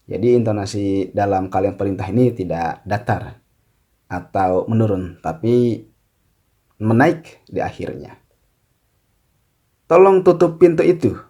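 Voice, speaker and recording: A man explaining a grammar lesson slowly and deliberately. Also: medium pitch, dark tone. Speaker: teacher. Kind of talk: recorded lesson.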